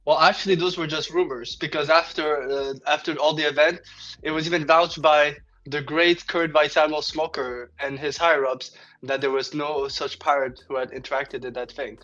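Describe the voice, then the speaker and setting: A man with a French accent making an eager, stumbling sales pitch as a podcast co-host. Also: steady tone, moderate pace, sharp tone, highs cut off. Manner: eager, stumbling over restarts. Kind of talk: playful sales pitch in casual chat.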